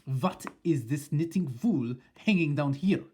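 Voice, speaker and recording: A man voicing an imperious, cruel old witch leader who snaps her orders in a loud, harsh voice. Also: a little high, animated, a little slow, slight background noise. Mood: snapping.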